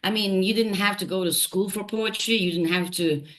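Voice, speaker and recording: A woman from Turkey, a poet and translator, talking reflectively in an interview, thoughtful and halting with many fillers and restarts. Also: mid-range voice, steady tone, a bit bright.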